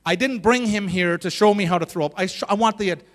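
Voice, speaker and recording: An eager, proud young martial arts student who pleads insistently and impatiently, as a male speaker acts him out. The voice sits high for a man. It rings with the long reverb of a large hall. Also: fast talker, close to an everyday voice. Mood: frustrated.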